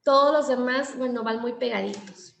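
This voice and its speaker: A woman's voice: fairly high pitch, normal speed, gravelly, a bit bright, echoey room, muffled recording, a little hiss or hum. A woman giving a lecture on language therapy, explaining step by step and acting out short exchanges between teacher and child. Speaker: teacher trainer.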